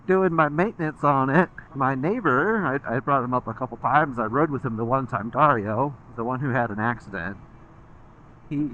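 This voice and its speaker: A man's voice: mid-range voice, pushed and bright, muffled recording, slight background noise. An American man from the Midwest chats casually while riding a motorcycle, rambling along and swearing freely as a vlogger.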